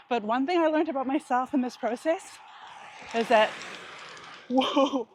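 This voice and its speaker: A woman talking candidly and reflectively to her vlog while out running, in a halting, casual way with pauses. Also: sits high, slight background noise. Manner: candid, introspective. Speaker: vlogger.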